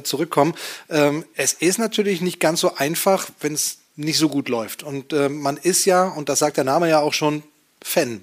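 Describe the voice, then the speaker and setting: A man hosting a casual, conversational interview. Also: fairly high pitch. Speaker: interview host.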